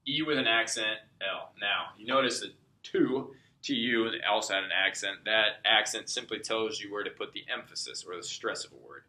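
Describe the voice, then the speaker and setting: In an echoey room, a Spanish tutor walks through a language lesson step by step, patiently explaining and checking in with "okay?" as he goes. His voice is fairly low-pitched with a sharp tone.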